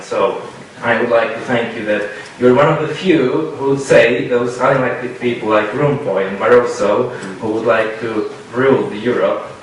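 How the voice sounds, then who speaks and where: Czech man, non-native English, hesitant with restarts, mid pitch, reverberant room, mic far off. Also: a little hiss or hum. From Czech Republic. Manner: halting, searching for words. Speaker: audience member asking a question. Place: debate hall. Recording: echoey hall, mic at a distance.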